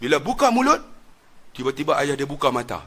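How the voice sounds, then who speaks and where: Malaysian preacher guy, middle-aged, bright sharp voice, goes from shouting to hushed bits telling his story. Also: a little high, sing-song, fairly quick. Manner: dramatic storyteller, swings between loud outbursts and hushed asides. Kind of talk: sermon with storytelling.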